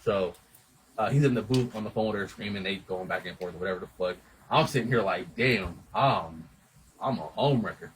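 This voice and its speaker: A man telling a rambling, animated story in casual chat, swearing a lot and acting out what everyone said. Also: on the low side, moderate pace, a little hiss or hum, low-quality recording. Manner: rambling, animated retelling with lots of swearing and quoted dialogue.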